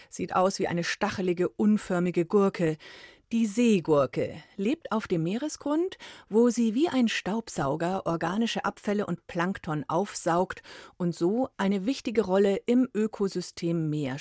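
A woman presenting a radio programme, reading a scripted introduction in a medium-pitched voice. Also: a little mellow, dry recording, studio quality.

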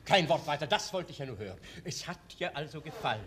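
An actor playing a vain, pompous playwright, insistently persuading in a theatrical, declaiming way. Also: male voice, fairly high pitch, expressive, quick pace, a bit bright. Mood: triumphant. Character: vain, persuasive playwright reading out his play.

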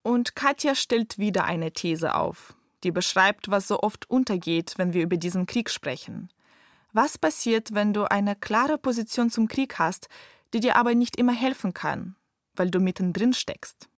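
A woman narrating a documentary she wrote, measured and reflective. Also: mid-range voice, animated, dry recording, studio quality.

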